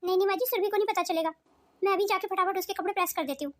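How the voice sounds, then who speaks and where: A meek, caring young daughter-in-law in a cartoon, voiced by a woman. Her voice is very high and quick. She speaks gently and pleadingly. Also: fairly even intonation. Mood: gentle. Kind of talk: cartoon voice acting.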